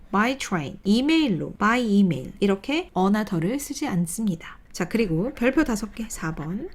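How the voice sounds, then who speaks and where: A woman teaching an English grammar lesson online, explaining step by step and asking and answering her own questions. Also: a little high. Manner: reads English example sentences slowly.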